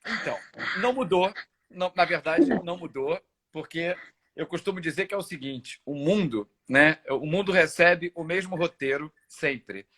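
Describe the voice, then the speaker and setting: Male interviewer, a touch high-pitched, easygoing and chatty. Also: normal speed. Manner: relaxed, reminiscing, with filler hesitations. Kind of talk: conversational interview.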